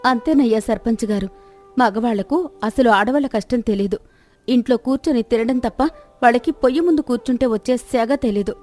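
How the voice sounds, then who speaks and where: A woman's voice: fairly high pitch, fairly quick, a little mellow, soft background music, natural voice. A woman voicing a scolding young village wife defending her cooking in a storybook tale. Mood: defiant. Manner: scolding and defiant. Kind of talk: storybook voice acting.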